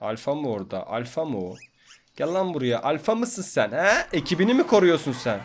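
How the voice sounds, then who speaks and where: A man's voice: fairly high pitch, very animated, fairly quick, a little hiss or hum. Brash young man trash-talking game creatures. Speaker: gameplay commentator. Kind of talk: casual gaming commentary.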